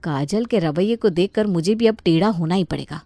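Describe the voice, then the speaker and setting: A woman's voice: lowish voice, fairly quick, mellow, dry recording. A woman voicing a patient young daughter-in-law in a cartoon story, pleading and firm by turns. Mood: determined. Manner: pleading, then firm and resolved.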